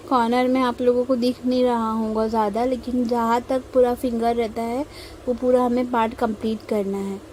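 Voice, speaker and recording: A young woman from India gives instructional voice-over for a mehndi design as she draws it, calm and in no hurry, stopping frequently between steps. Her voice, a little on the high side, sounds mellow and warm. The recording is rough, and a faint hiss runs under it.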